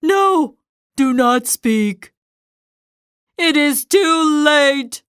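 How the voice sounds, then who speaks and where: A woman voicing an anxious, melodramatic male elephant with a cold, sneezing and halting as she reads a storybook aloud. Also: high voice, expressive, fairly bright tone, no echo, studio quality, exaggerated voice. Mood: melodramatic farewell. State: sneezing, stuffy.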